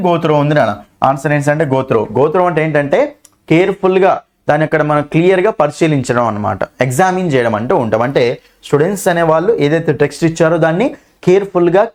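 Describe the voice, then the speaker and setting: A man with a Telugu accent teaches an exam-prep English grammar lesson at a brisk clip. His voice sits high, and he keeps checking in with his listeners before reading each question out slowly.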